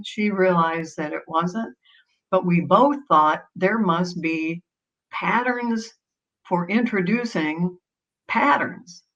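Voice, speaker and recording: A woman's voice: fairly low pitch, fairly bright tone, lo-fi sound. A woman guest in an interview, answering thoughtfully with small hesitations and restarts. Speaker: guest, patterns author.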